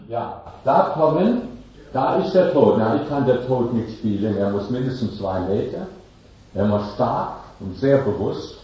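A male pastor telling a story in a sermon, speaking halting German with slips and restarts. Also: medium pitch, dark tone, slight background noise. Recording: dull lo-fi recording.

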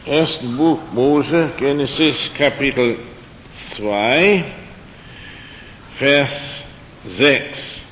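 An older lecturer whose first language isn't German delivers an evening lecture in German on creation and faith, speaking slowly and haltingly with plenty of fillers and dry humor. His tone is fairly bright. The lo-fi recording sounds dull, echoes through a large hall, and carries a faint low rumble.

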